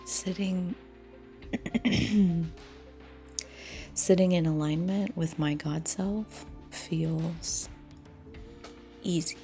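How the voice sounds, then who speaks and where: A woman reflecting aloud in a halting, personal way with long pauses, recorded dictaphone-style on a phone voice recorder, her breathy voice often trailing off toward a whisper. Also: lowish voice, steady tone, dark tone, soft background music. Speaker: solo storyteller.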